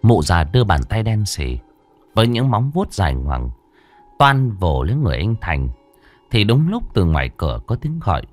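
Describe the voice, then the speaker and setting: A man's voice: fairly low pitch, big pitch swings, normal speed, soft background music. A man narrating a first-person horror story for an audiobook, drawing out the eerie passages with dramatic delivery.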